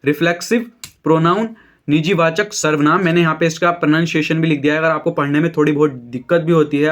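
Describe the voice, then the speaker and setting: A man teaching an English grammar lesson in Hindi. He asks and answers his own questions, checks in often with "ठीक है", and slows down to read the English example sentences. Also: on the high side.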